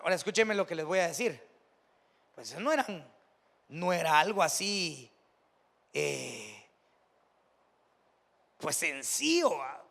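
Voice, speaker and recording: High-voiced Mexican pastor preaching. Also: male voice, big pitch swings, slow, creaky, pauses often, fairly bright tone, big-room sound. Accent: Mexican Spanish. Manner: storytelling, conversational, rising to emphatic preaching. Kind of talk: sermon. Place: church sanctuary.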